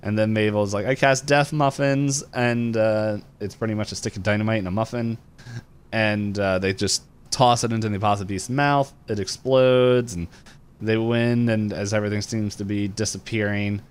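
This man co-hosts a podcast and recaps a cartoon episode casually, laughing and filling gaps as he rambles. His lowish voice is smooth and steady, at a moderate pace.

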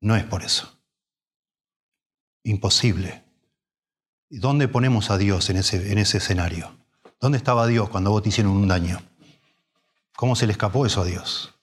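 A man's voice: on the low side, moderate pace, pauses often, husky. A man, preaching a sermon in a conversational way, full of restarts and rhetorical questions.

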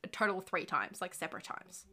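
A woman's voice: fairly low pitch, big pitch swings, fast, sharp tone. A woman in her twenties co-hosting a podcast, chatty and explanatory in casual talk. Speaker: podcast co-host. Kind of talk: casual chat.

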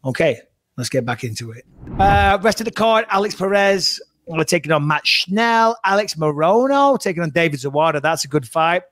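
A man co-hosting a fight podcast, telling stories in an animated, profane way. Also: on the high side, normal speed. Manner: animated storytelling, heavy swearing. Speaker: podcast co-host and fight commentator. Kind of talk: casual podcast chat.

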